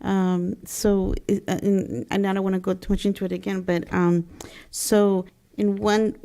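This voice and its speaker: Mellow gravelly woman, halting questions. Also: mid-range voice, flat delivery. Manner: halting, filler-heavy. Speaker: school board trustee. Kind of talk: questions at a public meeting. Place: boardroom meeting.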